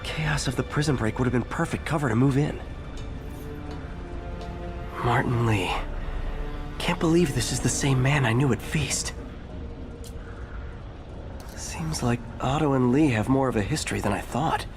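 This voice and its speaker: A man's voice: medium pitch, unhurried, pauses often, natural voice. Man acting as young video game superhero, earnest wisecracking investigator, thinking aloud, music underneath. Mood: troubled.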